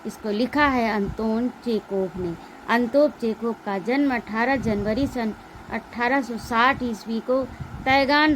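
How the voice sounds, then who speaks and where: A woman's voice: on the high side, slight background noise, rough recording. A Hindi teacher reading a one-act play aloud and explaining its lesson to her students.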